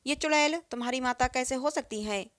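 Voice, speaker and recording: A woman's voice: high voice, fairly quick, a bit bright, dry recording, clean studio sound. A woman reading a stern landlord father. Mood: firm. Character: stern village landlord father, a middle-aged man.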